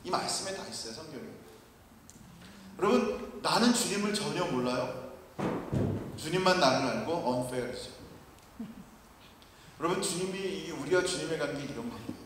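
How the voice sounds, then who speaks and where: A missionary with a slightly high, somewhat bright voice delivers a storytelling sermon at normal speed, with lively intonation and frequent pauses, questioning the congregation as he goes. The mic is far away in a very echoey long-reverb hall, with a little hiss or hum.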